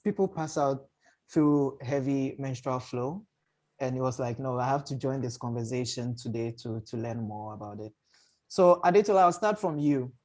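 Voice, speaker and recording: At a moderate pace, a man with a medium-pitched, slightly mellow voice hosts an online panel on a video call. His moderating is informal and conversational, and he reworks his phrasing mid-thought.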